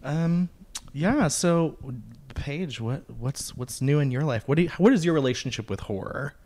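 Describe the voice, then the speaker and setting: A man with a hoarse, allergy-sore throat, co-hosting a casual podcast chat in a jokey, self-deprecating way. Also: mid-range voice, normal speed, darkish tone. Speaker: podcast co-host.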